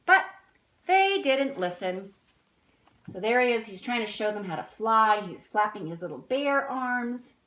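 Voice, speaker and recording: At story time, a woman with a fairly high, bright voice reads a picture book in a very animated but unhurried way. She addresses the young children directly, adding chatty explanations and questions.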